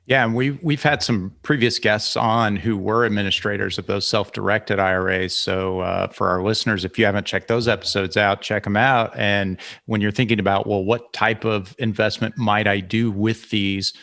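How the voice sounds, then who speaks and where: A man's voice: on the low side, fairly even intonation, moderate pace, vocal fry, few pauses, a bit bright, no room sound, studio quality. A man co-hosting a podcast interview who addresses the listeners directly in a friendly way. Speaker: podcast co-host. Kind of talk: interview conversation.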